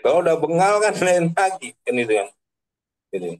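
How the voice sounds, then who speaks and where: A man's voice: fairly high pitch, very animated, brisk, poor audio. Chatty joking male preacher. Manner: chatty, tags sentences with 'kan begitu'; joking, laughs at own examples. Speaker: Islamic preacher. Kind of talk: casual online religious talk.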